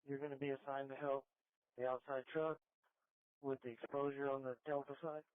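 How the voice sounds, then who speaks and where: A man's voice: medium pitch, flat delivery, normal speed, clear, resonant tone, dry recording, phone-quality sound. A man giving clipped, procedural commands in urgent firefighter radio traffic, heard over a two-way radio. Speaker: firefighter on emergency radio, directing units. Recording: noisy scanner radio with clicks.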